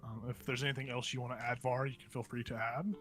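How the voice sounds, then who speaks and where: A man's voice: medium pitch, flat delivery, fast talker, a bit bright, soft background music. A man working as game master, casually narrating a tabletop role-playing session.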